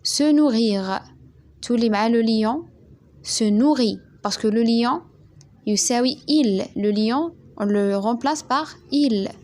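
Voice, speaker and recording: A young woman teaches a primary school French lesson. She dictates slowly and carefully and spells words letter by letter. Her voice sits a little high. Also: darkish tone.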